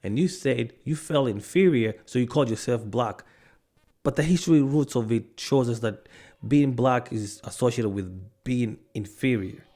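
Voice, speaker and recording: With a dark tone, medium pitch and moderate pace, an African video commentator launches into a heated monologue to camera. He fires rhetorical question after rhetorical question, halting mid-rant to check notes and restarting.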